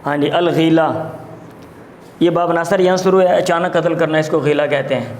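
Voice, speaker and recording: A male teacher gives a classroom lecture. He explains vocabulary term by term, repeating each word slowly. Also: a little high, fairly even intonation, reverberant, a little hiss or hum. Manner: explains words slowly, repeating terms, mixes in Punjabi asides.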